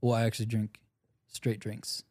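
A man's voice: lowish voice, completely flat delivery, moderate pace, a little mellow. A man in his twenties co-hosting a podcast, joking around and laughing often in casual chat. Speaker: podcast co-host.

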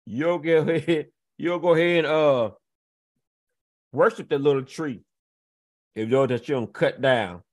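A man with a high voice rants straight at his audience. He taunts them with rhetorical questions, scoffs and laughs, then drops into low, slow muttering. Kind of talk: confrontational rant to camera.

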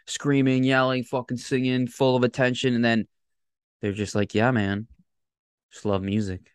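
A man's voice: mid-range voice, little pitch movement, normal speed, clean tone, no room sound. A man hosting a podcast in a casual, enthusiastic, slangy way, swearing freely. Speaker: podcast host. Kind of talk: casual chat.

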